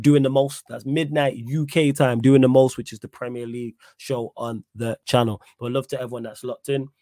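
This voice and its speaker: Fast-talking London roadman host, dry close sound. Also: medium pitch, darkish tone, dry recording. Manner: slangy London roadman delivery. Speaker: livestream host. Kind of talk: casual livestream chat.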